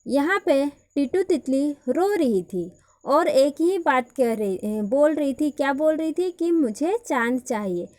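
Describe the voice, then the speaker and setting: Woman teacher, high voice, unhurried storybook reading, retells each line and quizzes the class. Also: expressive, a little mellow. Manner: reads a line, then retells it in simple words with questions. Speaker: school teacher. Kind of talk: reading and explaining a Hindi story lesson.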